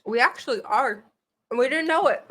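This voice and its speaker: In a very noisy recording made on a camera mic in a home room, a woman with a high, animated voice speaks fairly quickly. She's hosting a casual podcast, rambling along, cracking jokes, and teasing herself.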